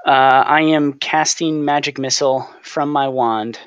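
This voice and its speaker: Male tabletop player, medium pitch, hesitant casual talk, dry, slightly dull microphone. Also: fairly even intonation, measured pace, clean tone, dry recording.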